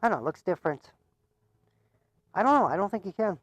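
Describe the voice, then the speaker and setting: A man's voice: high-pitched, big pitch swings, quick pace, fairly bright tone, dry recording. A man giving casual live commentary on a pool match. He chats, laughs often, and stumbles over repeated words.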